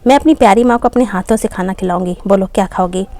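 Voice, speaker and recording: A woman's voice: mid-range voice, fast talker, mellow, close to an everyday voice. A woman voicing a tired working daughter, exasperated and pleading with her mother and maid. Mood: coaxing. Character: weary young working daughter, tearful and frustrated.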